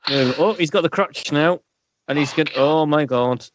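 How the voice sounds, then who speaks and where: A man's voice: fairly high pitch, moderate pace, dull audio, a little hiss or hum. A man chatting casually about wrestling as a podcast panellist.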